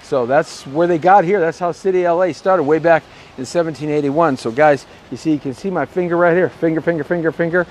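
A man's voice: a little high, a little fast, a little mellow. A middle-aged man hosting a casual real estate vlog while walking outdoors, talking in a chatty, rambling way into an earbud mic. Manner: chatty, rambling, self-promoting. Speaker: real estate show host. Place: outdoors on a downtown street. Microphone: earbud headset mic, phone at arm's length. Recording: faint street noise outdoors. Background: faint city street and traffic noise.

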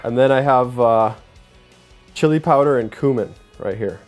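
Speaking at normal speed with a slightly mellow quality, this cooking show host is a young man running a casual demo from a home kitchen. Soft strains of music sit in the background. He keeps things upbeat and talkative, narrating every step and saying "boom" as he cooks.

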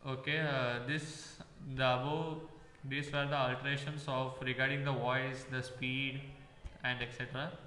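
A man walking through a coding tutorial, explaining in a halting way with many fillers. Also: mid-range voice, little pitch movement, bright, forceful tone, a little hiss or hum. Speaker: coding instructor. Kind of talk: screen-recorded coding tutorial. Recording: echoey room with long reverb.

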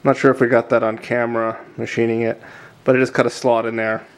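Presenting a build in his indoor workshop, a middle-aged maker talks casually about his work in a hesitant, self-deprecating way. His mid-range voice is clean and flat and he talks fast, with faint workshop sounds in the background.

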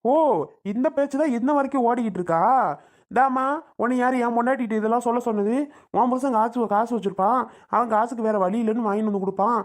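A woman's voice: fairly high pitch, steady tone, fast talker, natural voice. A woman playing a bossy scolding village husband. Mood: angry. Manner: harsh, domineering scolding. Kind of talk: homemade village comedy skit.

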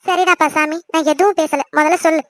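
A woman's voice: very high-pitched, fairly even intonation, brisk, dry recording. A woman voicing a teasing, chirpy big sister. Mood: caring. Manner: teasing and bossy. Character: young woman, teasing quick-tongued older sister. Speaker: daughter in a family cartoon. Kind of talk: cartoon voice acting.

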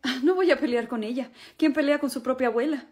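A woman's voice: high voice, fast talker, a little mellow, natural voice. Woman as a melodramatic, suave boyfriend. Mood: determined. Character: lovestruck, cocky young man, melodramatic boyfriend. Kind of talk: comedy skit.

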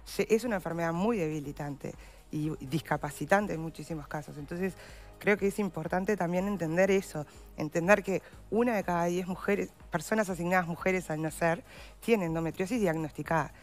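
A Uruguayan-accented woman, interviewed as an endometriosis patient advocate, answers earnestly and explains at length, addressing with voseo. She speaks at a normal speed in a lowish voice, with soft music in the background.

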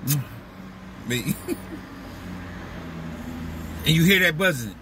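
A man's voice: a little high, animated, very slow, distant mic, noisy background. A man talking through a casual, profane, rambling comedic monologue as a vlog host, slipping into mocking voices. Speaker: vlogger host.

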